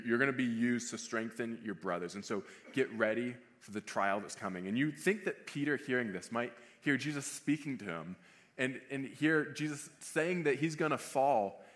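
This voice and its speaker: A man's voice: medium pitch, a bit bright. Man preaching a conversational sermon. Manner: conversational preaching, restating phrases for emphasis. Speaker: pastor.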